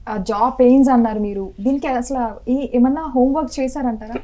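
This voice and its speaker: A woman's voice: a little high, warm tone, poor audio. A woman hosting a film interview, eager and easily amused, asking questions and mixing in English phrases. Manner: eager, quick to laugh, mixes English phrases. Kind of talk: casual interview chat.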